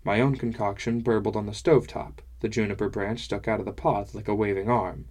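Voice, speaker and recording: A man reads a fantasy novel aloud in the first person. He keeps a measured, descriptive storytelling pace in a fairly low voice. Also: fairly even intonation, darkish tone. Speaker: audiobook narrator. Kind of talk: scripted first-person narration.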